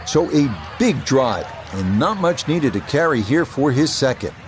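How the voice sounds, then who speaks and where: A man giving golf commentary as the play-by-play announcer, calling shots in a measured, understated way. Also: medium pitch, very animated, a little hiss or hum. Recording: background music and crowd sound.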